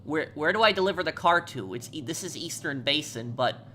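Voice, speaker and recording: A man casually commentating on a game he is livestreaming and chatting with viewers, halting and repeating words as he goes. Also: a little high, animated, pushed and bright, a little hiss or hum. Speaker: livestreamer playing a video game. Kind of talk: casual game stream commentary, reading and answering chat.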